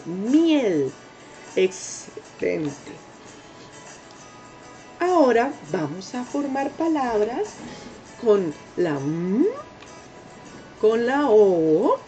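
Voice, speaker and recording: A woman teaching young children letter sounds, drawing out each syllable, praising often and coaxing them to repeat. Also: mid-range voice. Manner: drawn-out sounds, sing-song praise, coaxing repetition. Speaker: preschool teacher. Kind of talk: slow, exaggerated phonics lesson for young children. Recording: dull lo-fi home recording with soft music.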